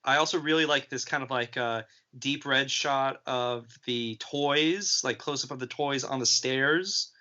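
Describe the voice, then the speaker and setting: A man's voice: mid-range voice, measured pace, hardly any pauses, sharp tone. A man co-hosting a film podcast, talking casually with lots of ums and restarts. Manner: hesitant, many ums and restarts. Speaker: podcast co-host. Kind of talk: casual film review chat. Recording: dull lo-fi podcast audio.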